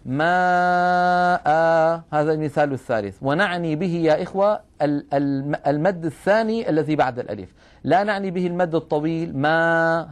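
A man with a somewhat raised voice, teaching in a calm lesson style. He explains step by step and slows right down to stretch out each example word. He sounds middle-aged. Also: a little high. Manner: explains patiently, stretches example words slowly. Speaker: Quran recitation rules teacher.

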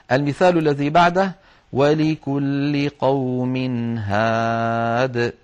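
Man teaching, chanting examples slowly. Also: mid-range voice. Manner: patient step-by-step explaining, chanting examples slowly. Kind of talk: explanatory lesson on Quran orthography marks.

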